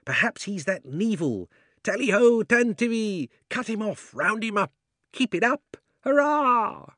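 A man reading aloud and voicing a crowd of newly talking animals giving loud hunting cries during a chase. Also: high voice, sing-song, a little slow, no room sound, studio quality, pitched above the performer's own voice, exaggerated voice. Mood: gleeful chase. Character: pack of newly talking beasts, excited, rowdy.

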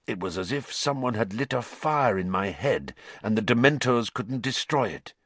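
A man voicing a gaunt, haunted male fugitive who speaks low, quietly and with a croak for an audiobook. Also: lively intonation, moderate pace, dry recording. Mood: brooding. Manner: quiet, brooding. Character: gaunt, haunted escaped male prisoner, bitter, intense.

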